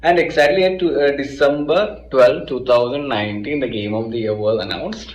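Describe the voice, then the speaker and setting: A man's voice: medium pitch, drawn-out words, muffled recording, a little hiss or hum. A man with a Malayali accent giving a casual video-game guide, mixing in English and talking informally in short, hesitant phrases. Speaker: gaming YouTuber. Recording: echoey room with music behind. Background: background music.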